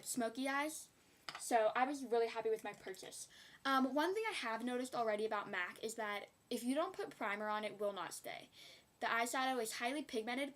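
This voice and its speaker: A young woman chatting casually in a beauty haul video, rambling with giggly asides. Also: a little high. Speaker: beauty vlogger.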